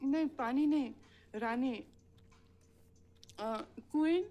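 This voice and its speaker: Film role: a shy young woman, high dark voice, slow and hesitant. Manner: hesitant simple English.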